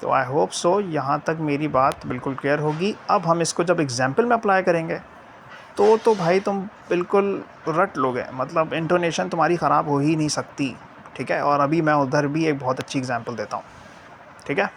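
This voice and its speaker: A man's voice: a little high, normal speed, creaky, a little hiss or hum. A man from Pakistan, an English teacher explaining a video lesson in a mix of Urdu and English, checking in with "theek hai" after nearly every phrase.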